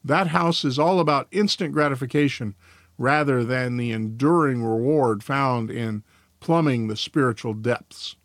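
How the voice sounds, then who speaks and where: A male podcast host carefully reads a devotional and a church confession aloud, occasionally tripping over his words. His medium-pitched voice moves at a measured pace, captured with studio quality and no echo.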